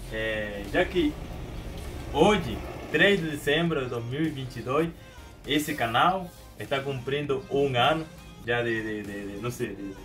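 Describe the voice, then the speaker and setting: Venezuelan man vlogging in Portuguese, hesitant. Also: fairly high pitch. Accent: Venezuelan Spanish. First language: Spanish. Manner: hesitant, many restarts and repeated words; animated hand gestures. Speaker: YouTuber. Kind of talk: casual vlog to camera. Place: small indoor room at home.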